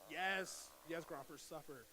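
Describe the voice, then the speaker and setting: A man's voice: on the high side, unhurried, a crowd in the background, poor audio. A man speaking off the cuff in a wry, self-deprecating, casual way.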